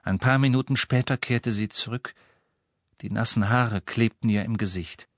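A man reading a story aloud in a measured, dramatic storytelling manner. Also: fairly low pitch, a bit bright, no room sound, clean studio sound. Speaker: audiobook reader. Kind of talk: scripted narration.

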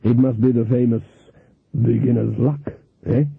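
A man voicing a smooth-talking male card sharper, slow and ingratiating. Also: mid-range voice, level tone, no room sound. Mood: oily. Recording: thin phone-like sound.

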